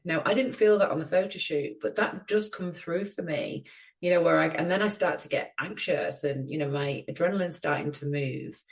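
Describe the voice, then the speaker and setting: A woman's voice: deep voice, vocal fry. A middle-aged woman co-hosting a podcast, talking in an earnest, reflective way with many "you know"s. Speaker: podcast co-host. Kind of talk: casual chat.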